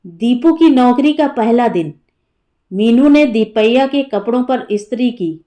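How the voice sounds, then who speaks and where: A woman narrating an audiobook story in a measured, expressive way. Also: a little high. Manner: slow and measured.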